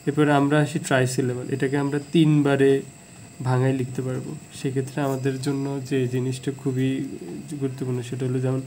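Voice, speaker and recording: Gravelly man teaching English. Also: medium pitch, completely flat delivery, dark tone, a little hiss or hum, low-quality recording. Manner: plain, repeats example words slowly. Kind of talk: casual video lesson.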